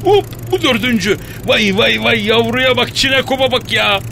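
An actor playing a brash, careless ship captain in a comic radio play, talking in blustering street slang. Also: male voice, lively intonation, normal speed, vocal fry, sharp tone, heavily acted. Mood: excited. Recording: noisy, rumbling background.

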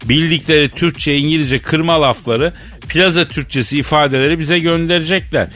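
A man's voice: a little high, moderate pace, fairly bright tone, soft background music. A man co-hosting a comedy radio show, telling stories with a playful, teasing manner and acting out dialogue. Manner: playful teasing storyteller who acts out dialogue. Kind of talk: comic radio banter.

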